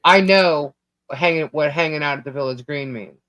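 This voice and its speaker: Her voice is deep yet fairly bright, at a normal pace, as this Long Island, New York woman chats casually on her live stream, rambling and laughing a lot. Her connection is bad, so she cuts out now and then. The stream sound is dry, dull and lo-fi.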